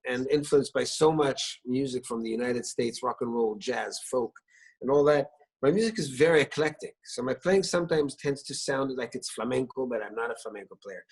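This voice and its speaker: His voice is husky, mid-range and a little fast. Calling in by video from his living room, this middle-aged singer-songwriter, born in Israel and a native Hebrew speaker, shares warm stories full of hesitations, restarts and fillers.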